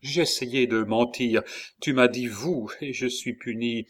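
A man voicing a lively, affectionate young wife in a novel reading, barely changing his voice. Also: medium pitch, unhurried, natural voice. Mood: earnest.

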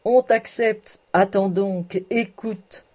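A woman reading the lines of a kindly old male village rabbi, speaking softly in a hushed, chuckling way. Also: mid-range voice, fairly even intonation, takes it slowly. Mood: gleeful.

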